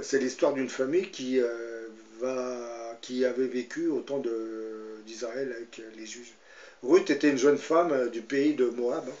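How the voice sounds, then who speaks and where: A man speaks in a mid-pitched voice, part commentary and part Bible storytelling. He hesitates often and fills his sentences with fillers and tag questions. The recording is echoey and a bit muffled. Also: warm tone. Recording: roomy, slightly dull sound.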